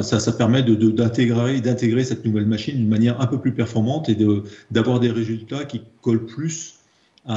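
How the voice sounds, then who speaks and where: A gravelly, dark, mid-range male voice with a French accent explains slides as a process improvement trainer. He's hesitant, repeating words as he goes, recorded in a dull room full of echo.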